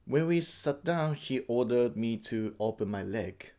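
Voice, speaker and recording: A man from Japan with a Japanese accent gives a personal account in halting English, often repeating and correcting words. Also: medium pitch, animated, a little mellow. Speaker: interviewee.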